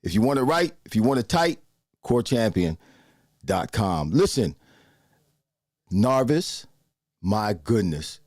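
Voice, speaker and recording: A man's voice: lowish voice, very animated, slow pace, pauses often, a little mellow, no room sound, clean studio sound. A man in his sixties hosting a casual live show, chatting loosely and greeting viewers by name. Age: 60s. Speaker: host. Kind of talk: casual livestream chat with viewers.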